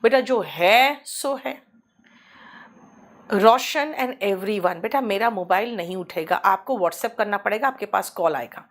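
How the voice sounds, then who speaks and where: A woman with a Hindi accent teaching an online English class from a small studio, explaining patiently and saying the English examples slowly. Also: medium pitch. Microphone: studio microphone.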